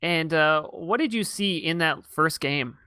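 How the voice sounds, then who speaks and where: A man's voice: a little high, animated, measured pace, sharp tone, smooth, no room sound. A man casting a live esports match, chatty and enthusiastic, hosting the stream and handing off to his co-casters. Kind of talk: live game commentary.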